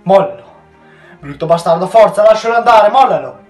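A teenage boy voicing a small, furious coal merchant who shouts and curses, in a roomy recording. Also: sits high, lively intonation, normal speed, faint music behind. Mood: furious shouting. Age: teens. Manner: shouting, cursing. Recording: roomy echo.

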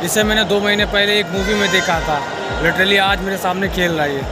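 A man's voice: high voice, fairly even intonation, fairly quick. A young man in his twenties vlogging casually from the stands of an outdoor cricket stadium, phone held at arm's length, teasing and chatty. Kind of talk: casual vlog commentary. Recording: loud crowd and stadium music. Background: loud crowd and loud music.

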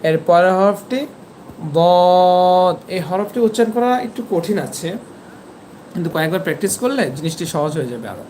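A Quran teacher giving an online lesson, patiently explaining where each letter is pronounced and repeating the sounds slowly, over a video call. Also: medium pitch, lively intonation, darkish tone, slight background noise.

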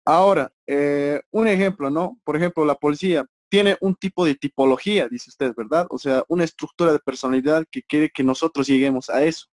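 A man's voice: a little high, fairly quick, few pauses. A male student with a Bolivian Spanish accent asking a question hesitantly over a video call.

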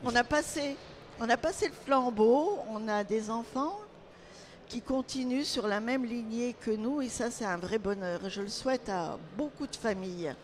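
A woman's voice: on the high side, normal speed, a little hiss or hum. Older woman telling of family recipes. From Lorraine, France. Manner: proud, storytelling about family recipes. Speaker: baker and caterer, retired owner. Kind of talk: casual interview at a trade fair. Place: trade fair stage, indoors. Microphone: handheld mic.

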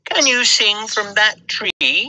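A woman voicing a sly, hungry fox who flatters his way to a meal. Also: mid-range voice, a little slow, voice pushed up, rough recording. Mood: coaxing. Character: sly hungry male fox, sweet-talking. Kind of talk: storybook audio narration.

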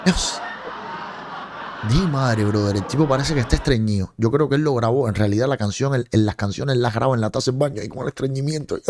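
A man's voice: medium pitch, fairly quick, a little mellow. Sarcastic Cuban man streaming commentary. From Cuba. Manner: mocking, sarcastic, scolding. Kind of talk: livestream commentary. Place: home streaming room with colored lights. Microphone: large studio mic on a boom in front of face.

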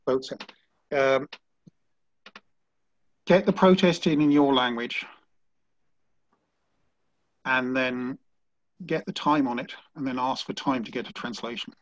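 A man's voice: medium pitch, no echo. Man, sailing judge, thinks aloud with restarts; lo-fi call audio. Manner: halting, many restarts and fillers. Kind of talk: online panel discussion. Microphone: video call. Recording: dull lo-fi video call audio.

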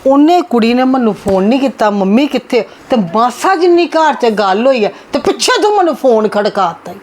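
A woman's voice: fairly high pitch, animated, normal speed, a little mellow, a little hiss or hum, natural voice. A woman playing a stern mother-in-law who scolds and demands answers in a family drama skit. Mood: scolding. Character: stern mother-in-law, scolding and proud of her elder daughter-in-law.

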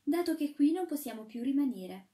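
A tearful little porcelain shepherdess from a storybook, as a woman puts her on, with a high voice that keeps rising into anxious exclamations. The tone is soft and mellow, and it sounds a little distant from the mic. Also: expressive, moderate pace. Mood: pleading. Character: pleading porcelain shepherdess girl, fearful, tearful.

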